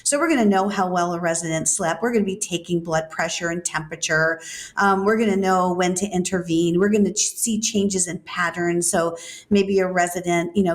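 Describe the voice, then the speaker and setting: A middle-aged woman answering interview questions as a senior-living expert, measured and thoughtful, with frequent fillers. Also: on the low side.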